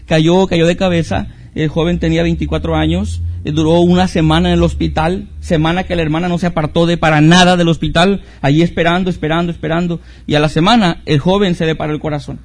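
A man's voice: on the high side, little pitch movement, fast, hardly any pauses. A middle-aged man preaching as a pastor, earnest, with rhetorical questions and repetition. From Mexico. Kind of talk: sermon.

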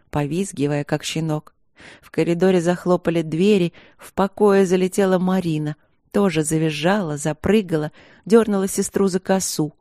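An audiobook narrator reads a novel aloud in scripted narration, her lowish voice even and measured. The recording is dry and studio quality.

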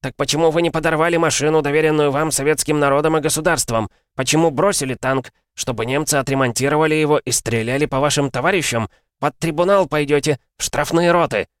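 A man voicing a furious, stocky male army commissar who yells accusations. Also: lively intonation, moderate pace, hardly any pauses, dry recording, clean studio sound, lightly acted. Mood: raging. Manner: shrill yelling, accusing.

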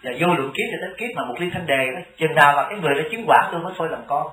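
A man's voice: on the high side, lively intonation, racing, a loud crowd. A man, a Buddhist monk giving a sermon, telling stories and often asking his listeners questions. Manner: storytelling, often asks the audience questions. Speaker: Buddhist monk teaching a congregation. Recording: echoey hall, distant mic.

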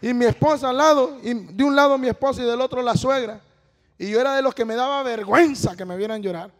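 A man preaching a sermon as a testimony, telling a story and calling out "hermano" as he builds to shouting. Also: very high-pitched, fast talker. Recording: long hall reverb.

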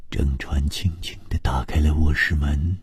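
A man's voice: rumbling low, steady tone, unhurried, breathy edge, no room sound. A man narrating a suspenseful ghost story in a dramatic storytelling manner, close to a studio microphone.

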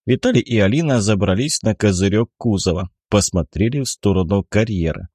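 A man reading an adventure audiobook in an even storytelling manner. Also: fairly low pitch, brisk, slightly rough, dry recording, studio quality. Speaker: audiobook narrator. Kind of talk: scripted narration.

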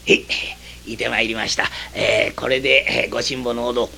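A man's voice: mid-range voice, little pitch movement, fairly quick, creaky, a little hiss or hum, pitched below the performer's own voice, exaggerated voice. A man voicing a timid, overly polite inn clerk with a Kansai accent in a comic storytelling performance. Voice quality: meek, deferential, soft-spoken.

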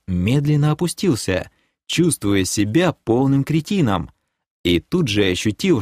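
A man reading a first-person adventure audiobook in an expressive storytelling manner. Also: fairly low pitch, dry recording, clean studio sound. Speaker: audiobook narrator.

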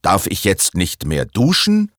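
Storybook dad voiced by a man, flustered and protesting, unhurried. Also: low-pitched, wildly swooping pitch, fairly bright tone, no echo, clean studio sound, exaggerated voice. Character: a flustered, annoyed father.

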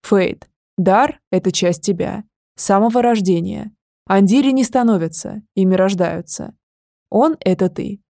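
A woman's voice: medium pitch, moderate pace, gravelly, dark tone, dry recording, studio quality, close to an everyday voice. A woman voicing a young male dragon who presses his point urgently and insistently.

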